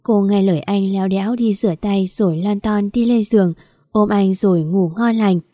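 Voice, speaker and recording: A woman narrating a romance story in an even, measured storytelling manner. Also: medium pitch, no room sound.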